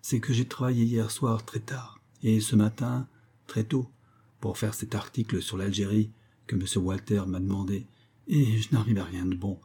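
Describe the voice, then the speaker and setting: A man's voice: fairly low pitch, fairly even intonation, normal speed, mellow, husky. A man voicing a timid, apologetic young man.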